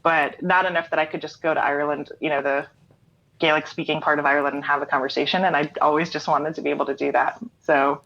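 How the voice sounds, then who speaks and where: A middle-aged American woman, a singer-songwriter and writer, chats casually as an interview guest over a remote online call from home. Her voice sits low with a steady tone, fast delivery, vocal fry and a slight brightness. She explains things in an easygoing way, and the call audio is dull and lo-fi.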